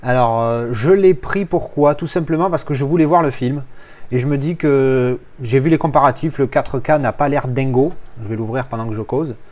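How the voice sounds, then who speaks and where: A man talks casually as he unboxes films. His voice sits at an average pitch, and he rambles along with frequent fillers and restarts. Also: moderate pace, darkish tone.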